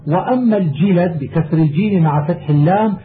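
Male reciter, high voice, measured chanting delivery, narrow tinny sound. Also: expressive. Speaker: teacher reading a lexical text. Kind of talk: reciting verse and reading commentary. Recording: tinny phone-like audio with faint hiss.

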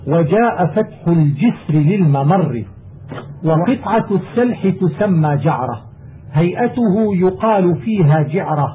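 Male reciter, high voice, measured chanting delivery, narrow tinny sound. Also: slightly rough. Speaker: teacher reading a lexical text. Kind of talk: reciting verse and reading commentary. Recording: tinny phone-like audio with faint hiss.

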